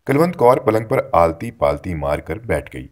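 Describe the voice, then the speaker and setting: A man narrating a short story in a measured, steady reading. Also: sits low.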